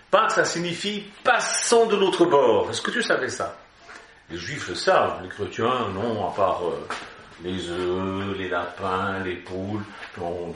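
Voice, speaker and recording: Animated preacher in an echoey room. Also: male voice, mid-range voice, a little hiss or hum. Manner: animated, exhorting, joking asides. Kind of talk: Easter sermon. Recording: roomy hall echo.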